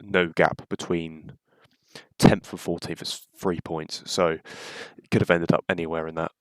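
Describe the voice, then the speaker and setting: A man's voice: low voice, flat delivery, a little slow, no echo. A man with a nasal, congested voice from a cold, chatting casually as he reacts to his own old video, with many ums and self-corrections.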